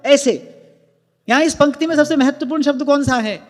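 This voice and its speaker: A man's voice: very high voice, fairly quick. A man giving a devotional discourse, teaching earnestly and working through examples of which word carries the stress. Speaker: devotional preacher. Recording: reverberant hall with faint music.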